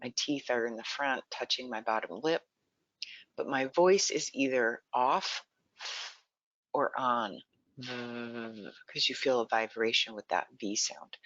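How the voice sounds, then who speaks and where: A woman's voice: extremely low pitch, fairly bright tone, no room sound. A woman educator giving a webinar on teaching the alphabet, explaining and modeling letter sounds as she goes. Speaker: early literacy educator. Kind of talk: webinar presentation. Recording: dull, slightly lo-fi audio.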